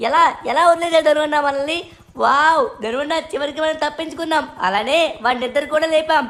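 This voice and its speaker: A cheeky little cartoon boy sidekick, as a woman plays him, high and quick, firing off excited questions. He rattles along at speed in a gameplay role-play. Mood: excited chatter.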